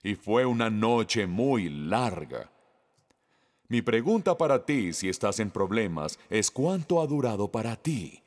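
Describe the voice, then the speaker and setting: A man delivers a sermon, reading scripture aloud and stopping to ask the congregation questions. He speaks slowly, and his pitch moves lively up and down. His voice carries a long reverb, like a large hall. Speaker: preacher.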